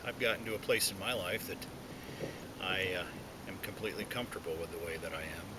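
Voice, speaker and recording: Low-voiced man talking around a pipe, noisy outdoors. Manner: hesitant, reflective, halting. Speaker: pipe smoking video blogger. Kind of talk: casual solo chat to viewers. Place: outdoors, sitting inside a hollow tree.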